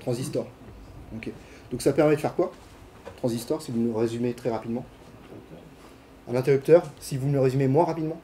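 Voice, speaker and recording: A man's voice: mid-range voice, fairly quick, pauses often, mellow, slight background noise. A man giving a casual classroom lecture, with many fillers, restarts and questions to his students. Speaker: university lecturer. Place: lecture hall.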